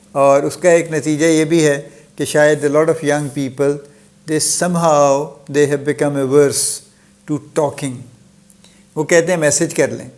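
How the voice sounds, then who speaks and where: A middle-aged man gives a solo talk in a casual lecture manner. His voice sits somewhat high for a man, and he mixes English phrases into his explanations with easy, unhurried asides. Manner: conversational, mixes English phrases, soft chuckles, restarts. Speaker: host giving a solo talk. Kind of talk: informal lecture-style talk.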